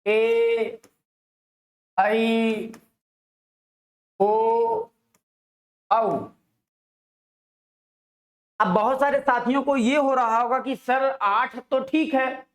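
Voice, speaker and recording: A man teaching grammar at an unhurried pace, stretching out example sounds and answering his own questions. His voice rings a little in an echoey room. It sounds like a recorded class for exam students. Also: very high-pitched. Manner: asks rhetorical questions and answers them himself; draws out example words and syllables. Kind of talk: online exam-prep lesson.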